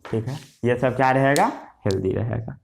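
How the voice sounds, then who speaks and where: In a Hindi science lesson sprinkled with English terms, a male teacher poses questions and answers them himself, repeating key words as he writes. His mid-range voice moves at a moderate pace, sounds creaky, and carries a little hiss or hum.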